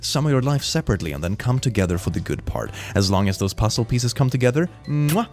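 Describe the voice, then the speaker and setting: A man's voice: medium pitch, very animated, fast, darkish tone, soft background music. A man hosting a video where he reads comics aloud and reacts to them, bubbly and playful. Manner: bubbly, playful, breaks into laughter. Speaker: host.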